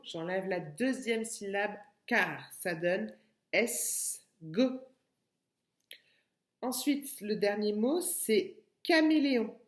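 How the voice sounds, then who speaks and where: A woman teacher speaks very slowly and patiently to small children, spelling out syllables and saying each word twice. Her voice sits at an ordinary middle pitch. The room around her sounds roomy and echoey. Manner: slow, patient, repeats words and syllables. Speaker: kindergarten teacher. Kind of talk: remote lesson for young children. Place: home room by a window.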